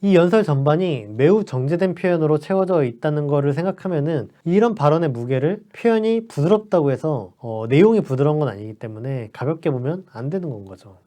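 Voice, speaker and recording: A man's voice: a little high, lively intonation, brisk, few pauses, dark tone. A man giving persuasive explanatory commentary, asking rhetorical questions as he talks. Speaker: political commentator.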